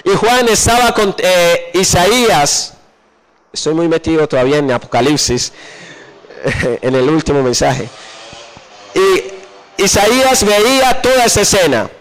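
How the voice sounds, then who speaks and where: A man preaching a sermon, often pausing mid-verse to ask his listeners what comes next and slowing down to drop low on key phrases. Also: expressive, rough recording. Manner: asks the congregation questions and pauses for answers.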